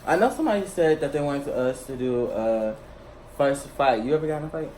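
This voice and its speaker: A man's voice: mid-range voice, lively intonation, a little fast, darkish tone. A man hosting a casual seafood mukbang vlog, playful and chatty, often repeating himself and trailing off. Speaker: vlogger host. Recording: noisy background.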